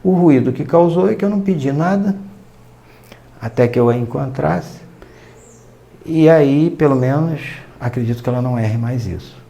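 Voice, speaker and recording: A Brazilian man teaching a recorded lesson, his voice dark and mellow with a gravelly edge. He explains patiently, stopping to act out little quoted dialogues as examples. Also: medium pitch, moderate pace. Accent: Brazilian Portuguese. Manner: explanatory, quoting and acting out small dialogues.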